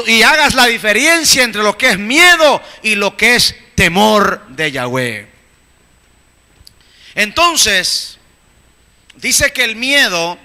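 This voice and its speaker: A man preaching a sermon with emphatic delivery, rising to shouts at the peaks. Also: very high-pitched. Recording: echoey hall.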